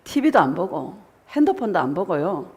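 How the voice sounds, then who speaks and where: Preaching in a fairly low, very animated voice that is a little mellow with a breathy edge, this middle-aged woman pastor keeps a moderate pace. She asks her congregation rhetorical questions, answers them herself, and at times performs what believers say in their prayers.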